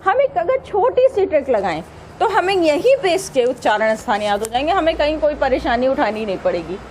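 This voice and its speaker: A woman's voice: sits high, very animated, brisk, slight background noise, rough recording. A woman teaching an exam-prep grammar lesson, patiently sounding out letters one by one and asking questions she then answers herself.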